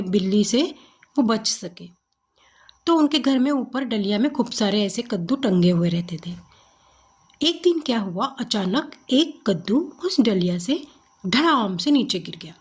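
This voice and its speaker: A woman storyteller narrating a comic folk tale in an expressive, conversational way. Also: on the high side, slightly rough.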